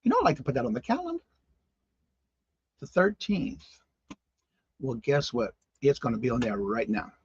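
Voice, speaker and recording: A man's voice: mid-range voice, huge pitch swings, normal speed, pauses often, muffled recording, slight background noise. A man in his fifties hosting a casual live-stream morning show, chatting with viewers by name and exclaiming in disbelief. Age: 50s. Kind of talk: casual live-stream chat reading comments.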